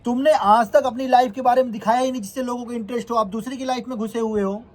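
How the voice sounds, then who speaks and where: A man's voice: extremely high pitch, fairly even intonation, fast. A vlogger who is a man, delivering a heated, confrontational rant straight to his viewers and repeatedly scolding his critics.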